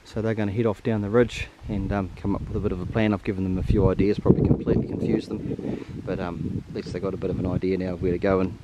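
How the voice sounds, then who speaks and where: Talking fast with few pauses, a man with a deep voice and flat delivery hosts a hunting vlog in a broad New Zealand accent. His casual outdoor talk is laid-back, matey and slangy. The recording is muffled, with faint outdoor noise behind it.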